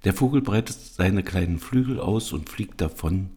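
A man calmly reading a first-person story aloud. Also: low voice, normal speed, breathy edge. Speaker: narrator.

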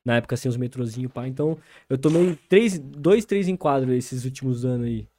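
A young rapper from the interior of São Paulo state, speaking with a São Paulo Brazilian Portuguese accent, tells a long story as a guest. His mid-range voice is warm, animated and brisk, and his talk is casual and full of slang as he laughs and acts out other people's lines.

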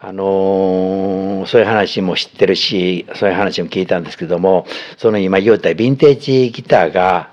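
A man in his sixties with a Kansai accent, a former shop owner telling stories in an animated podcast chat, often chuckling. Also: low voice, brisk. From Osaka, Japan. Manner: animated storytelling with frequent chuckles. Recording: slightly dull podcast audio.

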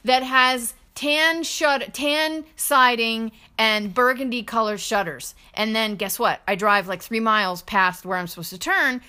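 A woman co-hosting a casual podcast with her husband, teasing him in an animated way and quick to laugh. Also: fairly high pitch, clean tone. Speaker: podcast co-host. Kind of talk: casual banter between spouses. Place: small studio.

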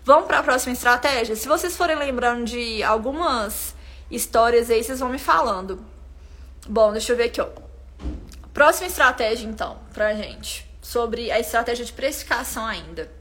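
A woman's voice: on the high side, expressive, moderate pace, a bit bright. A young woman, a business consultant, teaching pricing tips on a live stream and talking straight to her viewers. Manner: chatty, addresses viewers directly with frequent "né?".

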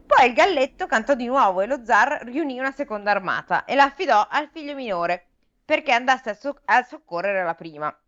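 Woman reading a fairy tale with lively pitch. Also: fairly quick, dull audio. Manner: playful asides between read passages. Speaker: story reader and podcast co-host. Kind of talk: reading a fairy tale aloud with casual commentary.

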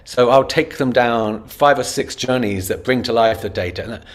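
A man answering an interview question in a casual, animated way, often acting out bits of quoted dialogue. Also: medium pitch, moderate pace. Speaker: interview guest, customer experience leader.

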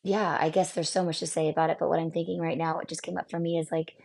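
A woman in her thirties, a therapist, talks solo on her own podcast in a low, gravelly voice full of fry as she loses her voice. Her tone is darkish with little pitch movement, and she speaks haltingly and reflectively, with many pauses and fillers.

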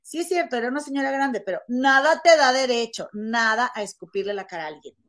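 A woman's voice: fairly high pitch, quick pace. A woman with a Mexican accent in casual chat, telling stories to a friend and calling her comadre. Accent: Mexican Spanish. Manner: animated storytelling, calls her friend comadre.

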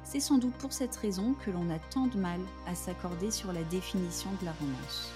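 A woman podcast host reading a scripted narration in a measured, composed and careful way. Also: fairly low pitch, music in the background.

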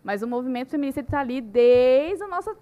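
A young woman telling her story in a casual podcast chat, animated and full of "né" tags. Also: high voice, fast, lo-fi sound. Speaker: podcast guest.

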